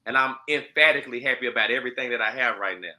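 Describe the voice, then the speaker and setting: Podcast co-host, male, bright timbre, earnest self-reflective talker. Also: mid-range voice, racing, rough recording. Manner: earnest, self-reflective, frequent fillers and restarts. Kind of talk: reflective casual conversation.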